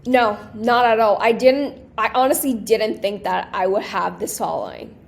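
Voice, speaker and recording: A woman's voice: mid-range voice, normal speed, creaky. A young woman from Taiwan, a guest on an interview show, chatting casually and eagerly with frequent restarts and fillers. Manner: animated, with many restarts and fillers. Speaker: guest, small business creator.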